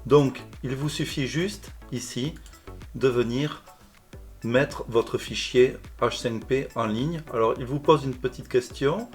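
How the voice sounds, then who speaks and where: Male teacher voice, calm step-by-step tutorial narration over soft background music. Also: mid-range voice, slow pace. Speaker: language teacher.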